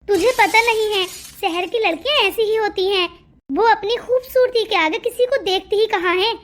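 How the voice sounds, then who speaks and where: A woman voicing a young village friend in a cartoon story, brisk and confiding, full of advice. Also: very high-pitched, a bit bright. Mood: advising. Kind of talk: cartoon voice acting.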